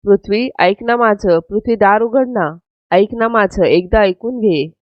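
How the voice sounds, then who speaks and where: A woman's voice: medium pitch, measured pace, dry recording, natural voice. A woman voicing an earnest, stubborn young woman who keeps pleading, in a dull, dry, lo-fi recording. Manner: pleading, insistent.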